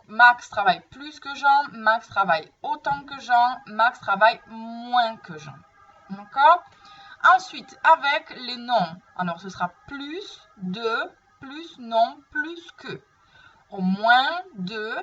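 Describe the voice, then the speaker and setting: A woman's voice: on the high side, a bit bright. A woman teaching a French grammar lesson, explaining patiently and often checking that students follow. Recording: dull, distant mic.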